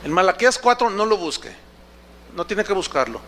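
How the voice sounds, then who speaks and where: High, bright-voiced middle-aged male pastor. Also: animated, brisk, a little hiss or hum. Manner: emotional storytelling with frequent restarts. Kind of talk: sermon.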